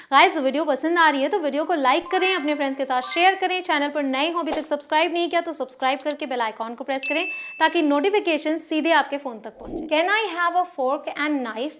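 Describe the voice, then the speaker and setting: A woman teaching spoken English, mixing English phrases into her explanations and reading each example sentence slowly and deliberately. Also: sits high, a bit bright.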